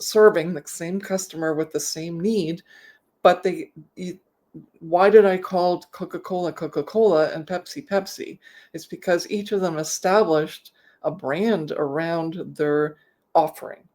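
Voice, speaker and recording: A woman's voice: on the low side, unhurried, darkish tone. A middle-aged woman with a slight lisp from wearing a mouthguard, chatting casually and explaining with rambling, self-correcting examples as a business coach. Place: home office, on a video call.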